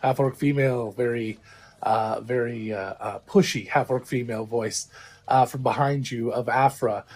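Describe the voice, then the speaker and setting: A man's voice: medium pitch, steady tone, moderate pace, a little mellow, slightly rough. A man narrating a tabletop game as its game master.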